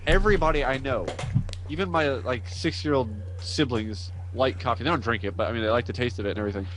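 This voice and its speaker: A young American man chatting on a podcast, quick and teasing. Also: medium pitch, poor audio. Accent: American English. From United States. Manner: fast, teasing. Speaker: podcast co-host. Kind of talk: casual chat.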